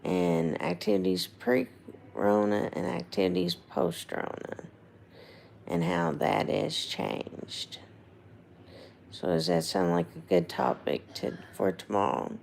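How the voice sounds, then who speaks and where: Female casual livestream host, voice failing and hoarse, slow unhurried chat, very croaky, faint noise behind. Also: rumbling low, big pitch swings, darkish tone. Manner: rambling, informal, checking in with viewers. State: hoarse, losing voice, throat gone. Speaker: livestream host, nursing home resident.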